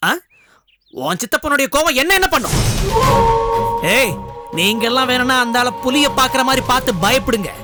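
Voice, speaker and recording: An actor playing a vengeful, hot-tempered young man in a TV serial who shouts, threatens and chokes up. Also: very high voice, moderate pace, long pauses. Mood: contemptuous rage. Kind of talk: TV serial acting. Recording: loud background music score.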